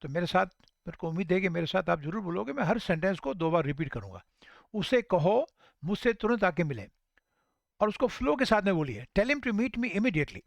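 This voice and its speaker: High-voiced teacher modeling slow phrases. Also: male voice, very animated, vocal fry, dry recording. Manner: repeats English sentences slowly for learners to copy. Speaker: English teacher. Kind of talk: spoken language lesson.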